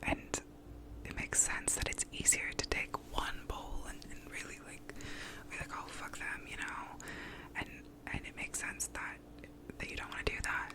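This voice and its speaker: A woman's voice: moderate pace, rough recording. Woman giving a whispered pep talk. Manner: whispering throughout, close up; reassuring, validating. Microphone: close to the mouth.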